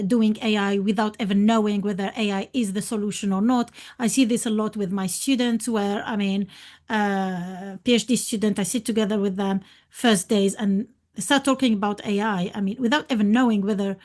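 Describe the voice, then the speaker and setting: A woman's voice: medium pitch, a little mellow. A woman from Algeria, giving a panel talk as a university lecturer over a video call. She hesitates a lot, with many fillers and restarts. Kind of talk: conference panel presentation.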